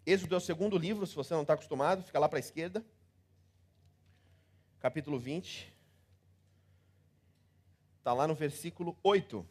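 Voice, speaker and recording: A man with a Brazilian Portuguese accent preaching a sermon, theatrical and animated, acting out scenes and repeating words in rhythm. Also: a little high, normal speed, long pauses. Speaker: pastor.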